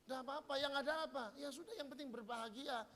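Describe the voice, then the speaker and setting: A man's voice: very high-pitched, fast talker, a bit bright. A middle-aged man preaching in church, joking and acting out little dialogues. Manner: humorous, acts out quoted dialogue. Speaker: pastor. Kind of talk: sermon.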